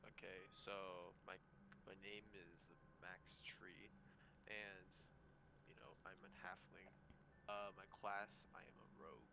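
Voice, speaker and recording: A man who is a player in an online tabletop game, talking in a quiet, mumbled, laid-back way. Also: low voice, steady tone, unhurried, vocal fry. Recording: noisy, distant mic.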